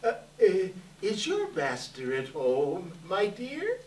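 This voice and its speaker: An old gentleman, giddy and kindly, acted by a man on stage in a theatrical, exclaiming way. His pitch swoops widely and his pace is unhurried. It is heard from a distance in an echoey hall. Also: huge pitch swings, exaggerated voice. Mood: tender, hesitant. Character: Scrooge, old miser turned giddy, joyful, kindly gentleman. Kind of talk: readers theater stage acting.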